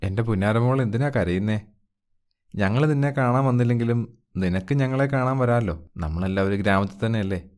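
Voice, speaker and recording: A man voicing a gentle, fond elderly village father who farms, in a storybook tale. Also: mid-range voice, moderate pace, natural voice. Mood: tender. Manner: fond, soothing.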